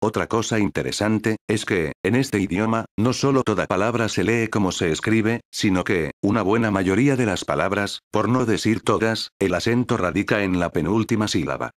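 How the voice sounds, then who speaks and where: Male text-to-speech voice, synthetic reading, lowish pitch, dry sound, educational narration. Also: normal speed, few pauses, no echo.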